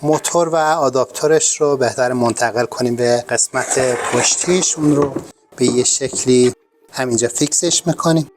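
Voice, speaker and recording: Guy doing a diy repair tutorial, calm and methodical, faint music in the back. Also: mid-range voice. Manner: calm, polite and methodical explaining. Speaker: host of a home repair channel.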